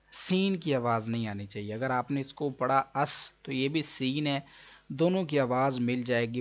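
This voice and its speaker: A man with a Pakistani Urdu accent teaching Quran reading, drawing out letter sounds slowly in drills between quicker explanations. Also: medium pitch, dull audio. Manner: slow, drawn-out demonstration of letter sounds, then quicker explanation.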